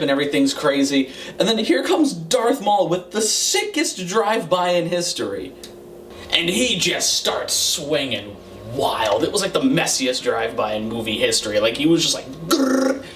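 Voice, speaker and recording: A man's voice: medium pitch, a bit bright. A man giving a comedic, casual movie review as a host, sarcastic, irreverent and sweary. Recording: roomy, distant mic, faint noise.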